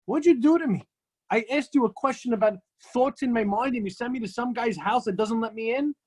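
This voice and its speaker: A man's voice: extremely high pitch, breathy edge. A rabbi acting out a frantic, exasperated man. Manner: rapid, exasperated outbursts. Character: frantic troubled man, pleading then indignant.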